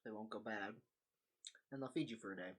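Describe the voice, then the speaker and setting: A woman playing a tabletop role-playing game, speaking in character with deadpan, wry remarks. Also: a bass voice, a little fast, breathy edge.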